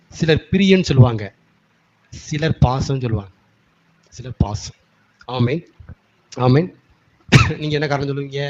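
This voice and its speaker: A man's voice: medium pitch, dull audio. A male pastor with a Tamil accent preaching a sermon, acting out quoted lines from God and people. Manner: animated, voices God and people in quoted asides.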